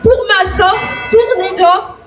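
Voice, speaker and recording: A woman's voice: very high voice, fairly even intonation, slow, faint music behind, a faint crowd. A woman giving an emphatic rally speech as an activist, in a raised voice. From France, of Iranian descent. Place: outdoor demonstration in Paris, amplified mic. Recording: echoey noisy outdoor rally PA.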